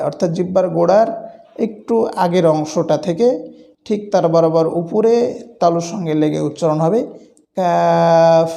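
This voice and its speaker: A man teaching the pronunciation of Arabic letters in a slow, deliberate lesson, drawing out each letter sound as an example. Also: high-pitched, vocal fry, warm tone. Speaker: Quran recitation teacher. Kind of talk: instructional lesson.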